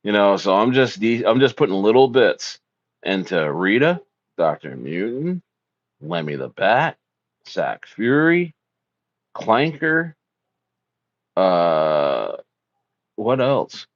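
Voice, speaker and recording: A man's voice: mid-range voice, big pitch swings, slow, pauses often, dry recording. A man from South Jersey hosting a casual livestream, reading viewer comments and hyping things up in slangy, repetitive talk. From South Jersey, USA. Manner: hyped, repetitive slangy talk with lots of "bro". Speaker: livestream host. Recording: dull lo-fi dry audio.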